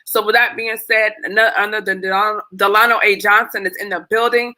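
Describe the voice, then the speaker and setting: Upbeat woman podcast host, bright voice. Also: mid-range voice, level tone, a little fast, poor audio. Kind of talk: casual podcast introduction.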